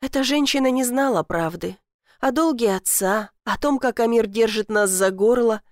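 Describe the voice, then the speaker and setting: A woman narrating a first-person novel in measured audiobook style. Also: a little high, no echo, studio quality.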